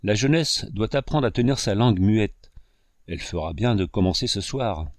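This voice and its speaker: A man doing a gruff barking brigadier. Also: on the low side, lively intonation, moderate pace, no echo, studio quality, lightly acted. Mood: stern. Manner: barking orders. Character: gruff male army brigadier, bossy.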